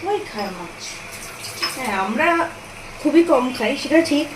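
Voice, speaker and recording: A woman's voice: sits high, animated, a little slow. A woman in her thirties with a Bengali accent, chatting through a home cooking vlog step by step. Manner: chatty, explaining step by step to viewers. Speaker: vlogger. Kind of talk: casual cooking vlog narration. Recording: noisy home video with clear background noise.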